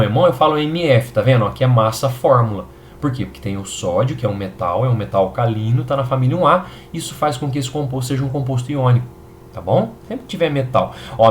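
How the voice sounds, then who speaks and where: A Brazilian man gives a recorded chemistry lesson in an upbeat, reassuring way, checking in with his students often. His pitch swings widely and animatedly as he explains. A faint hum of background noise sits under his voice. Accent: Brazilian Portuguese. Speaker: chemistry teacher.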